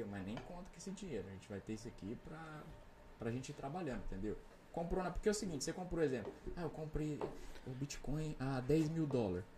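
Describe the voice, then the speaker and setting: A young man, a guest on a casual podcast, explaining crypto investing with quick asides and examples. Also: mid-range voice, warm tone, a little hiss or hum.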